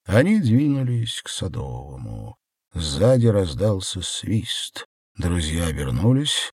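A man reads a novel aloud in an expressive narrating voice. His pitch is fairly low and the recording is dry and close. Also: no echo. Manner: expressive reading. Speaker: audiobook narrator. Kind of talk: scripted narration.

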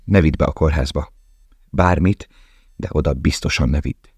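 A desperate young male prisoner gives urgent, commanding instructions, as a man reading a novel plays him. The voice is very deep. The sound is close and dry. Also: darkish tone, husky, dry recording, full character voice.

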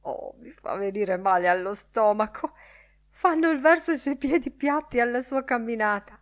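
A mocking young idler who loves a laugh, as a woman reading a novel puts him on. His lines come out lively and jeering. The voice sits higher than the narration and a little off the mic. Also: normal speed.

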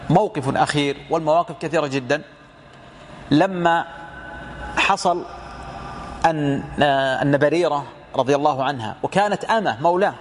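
A man's voice: a little high, normal speed, pauses often, slight background noise. A man giving a lecture commentary on hadith as a religious teacher, explaining through rhetorical questions and retold dialogue.

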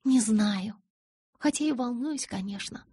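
A woman voicing a gentle but stubborn pregnant young woman in an audiobook, soft and reassuring. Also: fairly high pitch, a little slow, breathy edge, no room sound, voice pushed up, exaggerated voice. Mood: pleading. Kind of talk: audiobook character voice.

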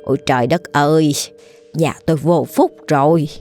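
A woman voicing a spiteful old village mother-in-law who scolds and wails in a sour, shrill way. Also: moderate pace, darkish tone, soft background music, lightly acted. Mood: shrill scolding.

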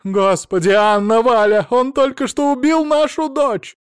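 Man putting on a shrill older mother-in-law, high loud voice, accusing, screeching, audiobook, dry close recording. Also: moderate pace, dry recording, lightly acted. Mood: hysterical.

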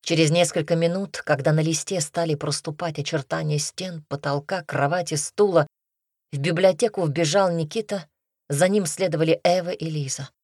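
A woman narrating an audiobook in a measured, even storytelling manner, close to the mic. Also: low voice, husky, dry recording. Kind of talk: scripted narration.

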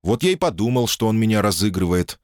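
A man's voice: fairly low pitch, sing-song, fast, a little mellow, dry recording, pitched above the performer's own voice. A man voicing a wry, guarded man with a dry, ironic way of talking. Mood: probing. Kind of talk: audiobook character voice.

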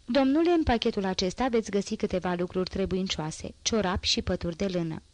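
A woman voicing a kind, sad old gentleman benefactor who speaks gently, in an audiobook reading. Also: mid-range voice, no room sound, lightly acted. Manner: gentle, mild.

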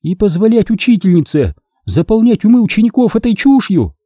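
A man's voice: high-pitched, sing-song, warm tone, husky, dry recording, clean studio sound, voice pushed up, exaggerated voice. Man voicing a fiery teenage girl apprentice. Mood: indignant. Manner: indignant, quick to argue. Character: hot-tempered teenage girl Jedi apprentice. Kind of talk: audiobook character voice.

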